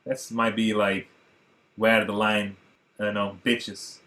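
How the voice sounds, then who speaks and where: Excitable Portuguese man reacting to films. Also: lowish voice, slow pace. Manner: chatty, excitable, addresses viewers as guys. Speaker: movie reaction host. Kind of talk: casual reaction commentary.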